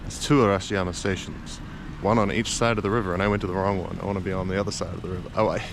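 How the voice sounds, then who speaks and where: A man with a fairly low voice talks like a hungover travel vlogger. He is weary and a bit grumbly, rambling casually. He is recorded outdoors, with light ambient noise and vehicles behind him. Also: steady tone, very fast. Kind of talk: casual rambling vlog chat. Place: outdoors, walking around while travelling.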